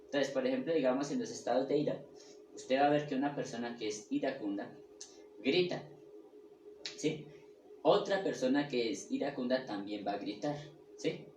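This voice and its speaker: A man's voice: mid-range voice, darkish tone, a little hiss or hum. Guy giving a spiritual talk, keeps checking in with the room, stops and restarts a lot, echoey and kinda far from the mic. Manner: checks in often with a questioning "sí?"; halting, with restarts and repeated words. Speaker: spiritual teacher. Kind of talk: lecture on the ego and personality.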